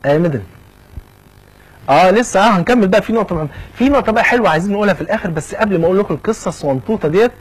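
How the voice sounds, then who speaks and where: A man's voice: high-pitched, animated, racing, breathy edge, rough recording. A man with an Egyptian accent teaching children, chatty and joking. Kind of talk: talking to children.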